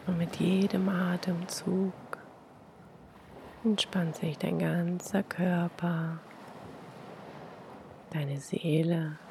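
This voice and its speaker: Female meditation guide, sleep-story narration style: soft near-whisper, extremely slow, creaky, over steady background noise. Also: on the low side. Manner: hushed, breathy near-whisper, soothing, long pauses. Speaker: hypnotherapist leading a guided meditation.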